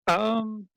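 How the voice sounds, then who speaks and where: A man's voice: sits high, a bit bright, dull audio. A man playing a tabletop game, heard over group voice chat that cuts out, thinking aloud with hesitant ums. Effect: heard over group voice chat, cutting out. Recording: echoey room over online voice chat.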